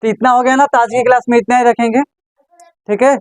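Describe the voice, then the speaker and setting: A man teaching English speaks fast in a very high-pitched voice that is gravelly yet smooth, with fairly even intonation. He drills phrases repeatedly in call-and-response style and asks the class questions. The recording is low quality, with no room sound.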